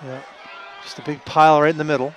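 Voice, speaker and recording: A man giving color commentary at a local high school football game, talking through the blocking in a chatty way and correcting himself. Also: little pitch movement, fast, highs cut off. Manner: chatty analysis with self-corrections and light laughs. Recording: outdoor stadium with crowd and noise. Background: crowd and field noise.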